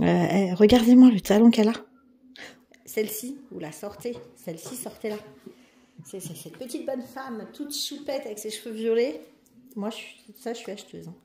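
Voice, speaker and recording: Chatty woman with a mellow voice. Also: fairly high pitch, normal speed. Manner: chatty and enthusiastic, with fillers and restarts. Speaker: diamond painting vlogger. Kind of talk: casual unboxing chat.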